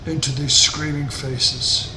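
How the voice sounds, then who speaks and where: A man voicing a grave, cursed stone face from a game, speaking slowly and portentously like an ancient talking tree. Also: flat delivery, lightly acted. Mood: weary, cursed. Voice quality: creaking, rumbling. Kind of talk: video game dialogue read aloud. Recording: noisy, roomy home recording.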